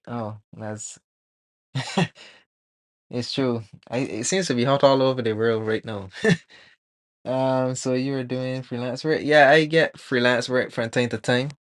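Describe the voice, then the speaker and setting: A man's voice: medium pitch, no echo. Man from Barbados, dry close sound. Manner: relaxed, rambling, thinks aloud with many ums. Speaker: 3D artist live streamer. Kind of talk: casual live stream talk while working.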